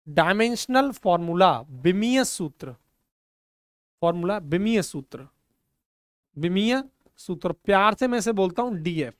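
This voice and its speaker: Desi physics sir teaching at the board, keeps asking "samjhe?", dry close sound. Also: male voice, sits high, smooth, dry recording. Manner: repeats questions to the class and answers them himself; mixes English terms with Hindi, frequently checks understanding. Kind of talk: classroom lecture at a board.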